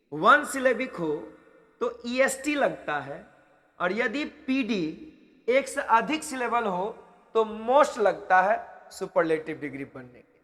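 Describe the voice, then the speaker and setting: Slow, high-voiced man teaching grammar. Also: a bit bright, in a large hall. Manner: slow and repetitive, drilling each rule several times. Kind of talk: exam-prep grammar lesson.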